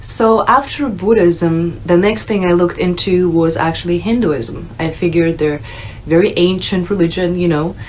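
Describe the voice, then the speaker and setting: A woman's voice: on the low side, moderate pace, a little mellow, a little hiss or hum, rough recording. A young woman from Russia speaking unscripted to her viewers about her own path, casual and conversational with many fillers. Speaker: vlogger sharing her conversion story. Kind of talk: unscripted personal talk to camera.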